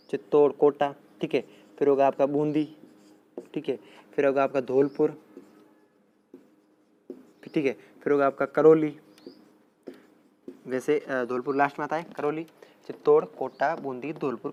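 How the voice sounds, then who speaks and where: A male teacher, dictating a geography lesson slowly and repeating place names often. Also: medium pitch, darkish tone, a little hiss or hum. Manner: slow, repetitive dictation with frequent "theek hai" check-ins. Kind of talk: exam-prep geography lesson.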